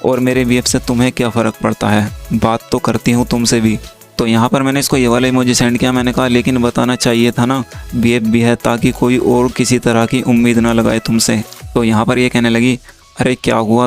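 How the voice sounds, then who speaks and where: Flat-voiced young man over soft music. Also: medium pitch, brisk. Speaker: YouTube creator. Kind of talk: casual narration of a chat screen recording.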